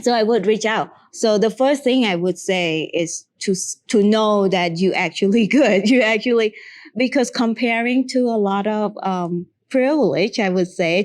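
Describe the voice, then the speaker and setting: Woman, young adult, makeup artist interviewed, earnest and encouraging, halting second-language English, mid-pitched voice. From Cambodia. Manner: earnest, encouraging, with restarts and broken English phrasing. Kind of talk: interview answer, advice.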